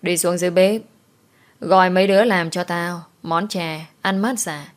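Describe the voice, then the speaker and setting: A woman voicing a vain, sharp-tongued rich mistress who scolds and mocks. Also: lowish voice, fairly even intonation, normal speed, natural voice. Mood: scolding. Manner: scolding, sour and mocking.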